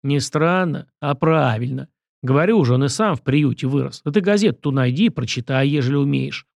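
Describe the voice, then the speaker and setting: A man's voice: mid-range voice, fairly quick, gravelly, darkish tone, dry recording, clean studio sound, natural voice. A man voicing a proud, stubborn commoner who argues in a folksy, vehement way.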